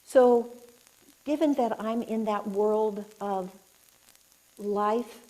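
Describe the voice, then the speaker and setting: Slow, earnest woman giving a reflective talk. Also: medium pitch, warm tone, poor audio. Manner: earnest, reflective, poses questions to the audience. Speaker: inspirational speaker and life coach. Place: spiritual center hall, indoors.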